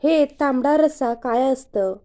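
A woman narrator voicing a calm young man who gently teases, speaking slowly in a dark, mellow tone. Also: high-pitched. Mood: calm teasing. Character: young man, calm and teasing, strict vegetarian.

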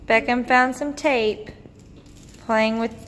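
A woman's voice: on the high side, fairly even intonation, takes it slowly, fairly bright tone. A young woman, a mother chatting casually and coaxing her small child at home, recorded on a phone. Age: young adult. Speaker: mother vlogging with her toddler. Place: indoors at home, living room and laundry area. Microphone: phone at arm's length. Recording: echoey room with clear background noise.

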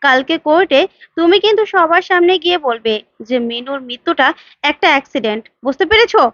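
A woman reads out a haughty sister-in-law who snaps back indignantly. The voice is high-pitched and sounds dry, with a slightly dull tone. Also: expressive, fast talker, no echo. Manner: indignant, sharp.

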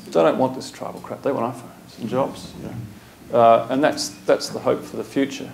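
Speaking at normal speed with a medium-pitched, gravelly voice and fairly even intonation, this man is a former diplomat on a panel before a seated lecture-room audience. His comments come in short, punchy, opinionated bursts, and he doesn't mince words.

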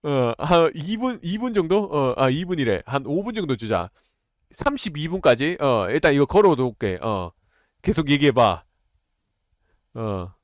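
A man chatting casually with viewers on a livestream, talking in a blunt, excitable, informal way. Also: fairly high pitch, a little slow, no room sound, studio quality. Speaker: live streamer.

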